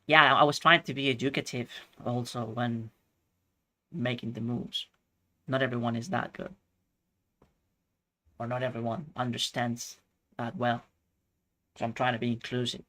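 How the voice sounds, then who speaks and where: A man from Chile streaming chess, thinking out loud through his moves and chatting with viewers. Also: medium pitch. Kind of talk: live-stream commentary.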